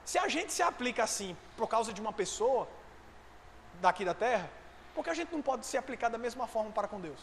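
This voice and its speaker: A man preaching a sermon, fervent and at times rising to shouts. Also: extremely high pitch, big pitch swings, fairly quick. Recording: echoey hall with faint noise.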